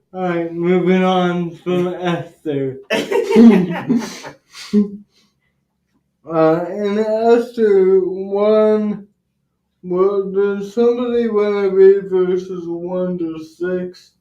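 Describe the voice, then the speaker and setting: A man teaching a casual Bible lesson to teens, halting, with many fillers and restarts. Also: high voice, dark tone. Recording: roomy, dull lo-fi livestream audio.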